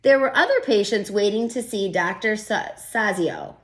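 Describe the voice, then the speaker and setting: A woman reads a children's picture book at a moderate pace in a medium-pitched voice, gentle and expressive throughout. Teacher-like, she adds asides where she thinks out loud about the story.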